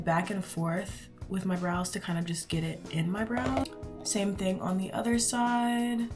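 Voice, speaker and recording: A woman in her twenties from Houston, chatting casually and rambling as she does her makeup for a beauty vlog. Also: lowish voice. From Houston, Texas. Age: 20s. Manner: chatty, rambling, says "like" often. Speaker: beauty vlogger. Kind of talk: casual chat while doing makeup.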